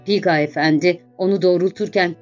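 Woman audiobook narrator, lowish voice, measured literary delivery, muffled recording with faint music. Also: steady tone, a little mellow. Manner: slow, measured literary reading. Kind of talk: scripted narration of a classic novel.

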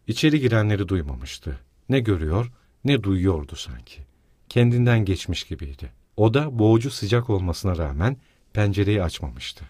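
A man reading a classic novel aloud as an audiobook narrator, in a measured, dramatic manner. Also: lowish voice, darkish tone, dry recording, studio quality. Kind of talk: scripted literary narration.

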